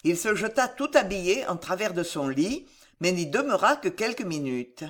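A woman narrating a historical novel as an audiobook in a measured, expressive reading. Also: on the low side. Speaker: audiobook reader.

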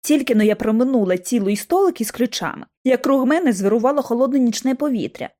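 A woman narrating an audiobook in the first person, with expressive storytelling and dramatic pauses. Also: on the high side.

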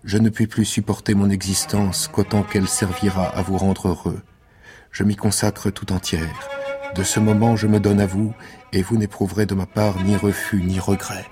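A man voicing a timid, devout young noblewoman in a radio reading, speaking softly and hushed. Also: fairly low pitch, little pitch movement, normal speed, music in the background, natural voice. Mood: yielding.

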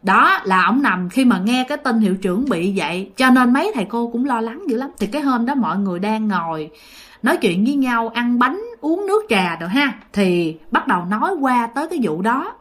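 A woman's voice: on the high side, very animated, fairly quick, a bit bright. Gender: woman. Role: chatty ghost story narrator. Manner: chatty, addresses listeners directly.

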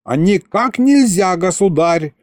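A man's voice: high voice, lively intonation, unhurried, a little mellow, dry recording, clean studio sound, voice pushed up. A man voicing a strict, fussy young woman healer who scolds. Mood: indignant. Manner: scolding, prim.

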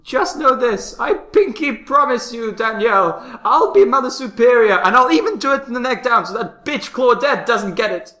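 A man's voice: extremely high pitch, expressive, moderate pace, few pauses, sharp tone, exaggerated voice. A man playing a stern, ambitious, melodramatic nun with theatrical exclamations in an improvised comedy scene. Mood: dramatic. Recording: echoey room.

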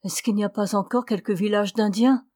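A woman reading the lines of a gentle young mother in a storybook, speaking softly, almost in a whisper, to soothe. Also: mid-range voice, steady tone, a little fast, no room sound, clean studio sound, close to an everyday voice. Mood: soothing. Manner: soft, soothing, half-whispered.

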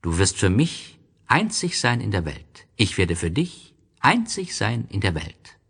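A wise, wary fox from a storybook, voiced by a man. He explains patiently in a husky, creaky voice, with plenty of rise and fall. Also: lowish voice, big pitch swings, unhurried, fairly bright tone, voice pushed up, exaggerated voice. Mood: earnest, tender. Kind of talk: storybook reading.

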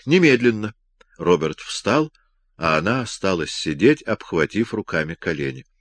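A man narrating a story for an audiobook in an expressive, measured way. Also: sits low. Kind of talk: scripted narration.

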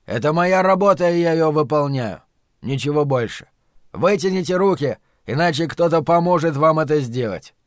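A man's voice: a little high, lively intonation, normal speed, dry recording, clean studio sound, natural voice. A man voicing a curt young cop. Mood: stern. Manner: curt, clipped orders. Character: stern young male police officer.

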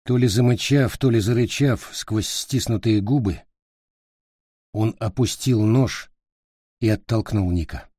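A man reading fiction aloud as an audiobook narrator, slow and deliberate. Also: lowish voice, mellow, no room sound, clean studio sound.

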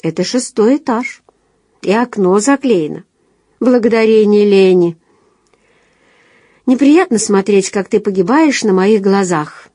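Wry, evasive young man voiced by a woman narrator, mellow and understated. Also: medium pitch, lively intonation, a little slow, long pauses, no echo. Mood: ironic. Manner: ironic, dry understatement. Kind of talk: audiobook dialogue reading.

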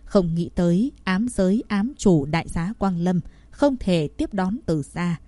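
A woman's voice: on the low side, animated, a little slow, dark tone, no echo. A woman voicing a stern male head of a cultivation academy who speaks curtly, read from a storybook. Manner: curt and stern.

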